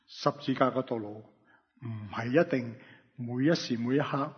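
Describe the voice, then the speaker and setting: A man's voice: medium pitch, normal speed, husky. A man with a Hong Kong Cantonese accent preaching in short phrases for an interpreter, colloquial and full of rhetorical questions. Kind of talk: sermon delivered phrase by phrase for an interpreter. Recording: dull, reverberant hall sound.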